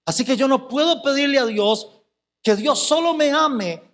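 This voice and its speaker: A man's voice: extremely high pitch, moderate pace, fairly bright tone, in a large hall. A male pastor preaching a fervent sermon, firing rhetorical questions at the congregation.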